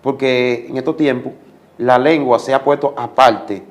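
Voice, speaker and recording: A man's voice: medium pitch, fairly even intonation, a little slow. A man giving a religious testimony as a guest, speaking like a preacher and repeating commands for emphasis.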